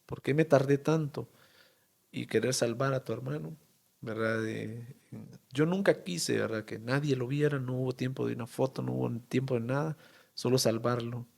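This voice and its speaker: A man with a Honduran accent, a town mayor telling a personal story in an interview, halting and emotional with many pauses and fillers. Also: mid-range voice, steady tone, gravelly, darkish tone. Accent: Honduran Spanish.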